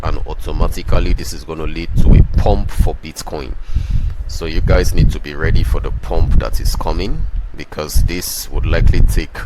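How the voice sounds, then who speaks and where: Deep-voiced man, insistent crypto-bro hype. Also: heavy background noise. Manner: hyping crypto-bro salesman, insistent and repetitive; emphatic, self-assured proclaiming. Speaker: crypto trading host who calls himself a prophet. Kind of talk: chart analysis commentary with promotional pitch.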